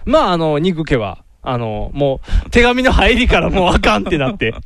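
A quick, high-voiced man with a Kansai accent spins an animated story in casual podcast chat. His pitch swings widely as he jokes along. The sound is dry and close to the mic. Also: no echo. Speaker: podcast host.

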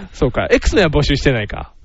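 High, lively Kansai-accented man. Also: normal speed, husky, lo-fi sound. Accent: Kansai Japanese. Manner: playful, drifts into silly sound effects and voices. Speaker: radio show host. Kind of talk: casual comedy chat.

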